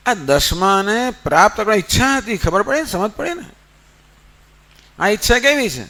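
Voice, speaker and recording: Man, spiritual discourse, storytelling, rhetorical questions, slightly high pitch. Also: very animated, normal speed, sharp tone. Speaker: spiritual teacher. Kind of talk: Gita discourse.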